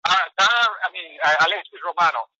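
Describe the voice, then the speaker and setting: A man calling in over a speakerphone, giving a casual, halting message with many filler sounds. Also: high-pitched, pushed and bright, no echo, lo-fi sound. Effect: heard over a speakerphone. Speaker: network marketing leader calling in.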